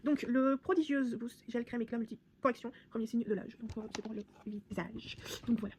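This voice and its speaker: A woman's voice: a little high, fairly quick, darkish tone, slight background noise. A young woman vlogging casually through her beauty products, chatty and rambling with many fillers and restarts. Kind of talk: casual product haul vlog.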